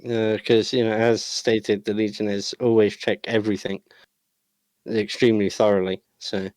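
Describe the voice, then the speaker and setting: A man's voice: on the low side, level tone, normal speed, a little mellow, no echo. Man, game master, rambling narration, filler-heavy, dry close sound. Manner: rambling, full of uh and you know.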